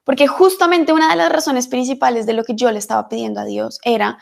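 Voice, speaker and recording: A woman's voice: on the high side, steady tone, fast, creaky. A woman giving an earnest, reflective spiritual talk to camera, repeating phrases for emphasis.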